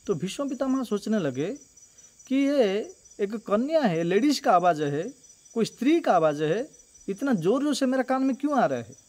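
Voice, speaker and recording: A man with a high voice tells a devotional story in an earnest way, repeating phrases for emphasis. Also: very animated, moderate pace, a little mellow.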